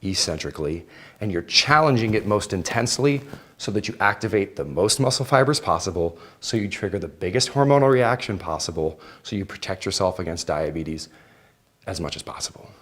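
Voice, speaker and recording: In an indoor aerobics room with exercise bikes, a man instructing a live exercise demo talks to participants in a relaxed, conversational manner. He has a low, slightly bright voice with lively intonation, speaks a little fast, and uses a worn clip-on or headset mic.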